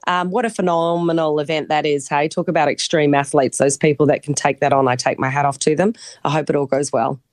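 A woman's voice: low-pitched, steady tone, a little fast, few pauses, no echo, clean studio sound. A woman with a broad New Zealand accent giving a chatty, articulate and emphatic sports report as a commentator on a live radio cross.

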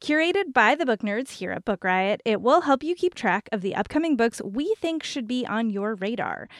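A woman's voice: on the high side, animated, normal speed, no echo, studio quality. A woman announcer giving a scripted promotional read.

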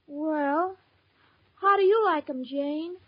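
Casting: naive, love-struck young woman, extremely high voice, radio sitcom, muffled hissy recording. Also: takes it slowly. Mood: naive, eager. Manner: naive, earnestly literal. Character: sweet, dim-witted, love-struck young woman, easily upset. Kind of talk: old radio sitcom acting.

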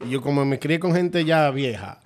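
A man's voice: fairly high pitch, expressive, moderate pace, darkish tone. A man with a Dominican accent, co-hosting a casual chat and recalling growing up with his grandmother. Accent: Dominican Spanish. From Dominican Republic. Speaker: podcast co-host.

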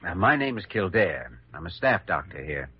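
An actor with an American accent playing a calm, protective young hospital doctor, measured and earnest, in an old-time radio drama. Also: male voice, deep voice, a little hiss or hum. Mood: polite, composed. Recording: muffled vintage radio recording.

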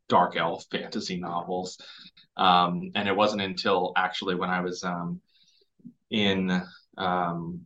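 A man's voice: deep voice, a bit bright. A man who is a book editor, talking as a guest in an interview, casual and self-deprecating. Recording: dull lo-fi audio.

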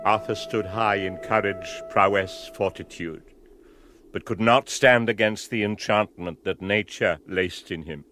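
An actor playing a grave, brooding wizard and prophet in a poetic audio drama, with a solemn, incantatory, measured delivery. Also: male voice, lowish voice, pushed and bright, faint music behind. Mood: solemn lament.

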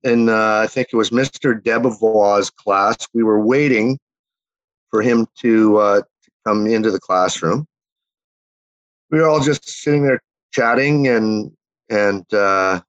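A man's voice: on the low side, dry recording. Canadian man, fifties, rambling storyteller, fillers and restarts, dull dry recording. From Winnipeg, Manitoba, Canada. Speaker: interview guest. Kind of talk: casual chat, reminiscing.

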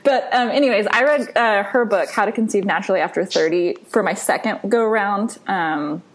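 A woman's voice: medium pitch, a little fast, low-quality recording. A woman in her thirties hosting a podcast, chatting in a bubbly, meandering way with frequent laughs. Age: 30s. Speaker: podcast host. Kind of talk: casual chat.

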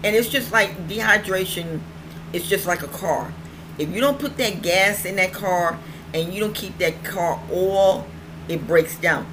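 A woman's voice: fairly low pitch, a little slow. Toothless middle-aged woman, noisy recording. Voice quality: toothless, slightly slurred articulation. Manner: rambling, repeats phrases for emphasis. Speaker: online show host. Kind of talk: casual vlog chat. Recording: clearly noisy home recording.

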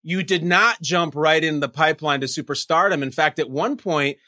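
A man hosting a quiz show interview, playful and energetic as he explains the rules and jokes with his guest. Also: fairly high pitch, normal speed.

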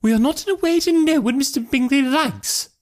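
A man voicing a fretful, gushing middle-aged mother in an audiobook, in a shrill, dramatic way. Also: brisk. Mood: resentful. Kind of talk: audiobook character voice.

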